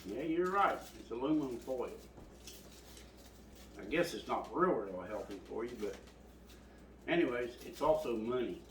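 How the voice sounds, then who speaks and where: A man's voice: mid-range voice, expressive, moderate pace, long pauses, distant mic, a little hiss or hum. A man hosting a home cooking video, folksy and rambling as he talks to his viewers. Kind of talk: casual cooking vlog. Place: home kitchen. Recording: echoey room, voice from off the mic.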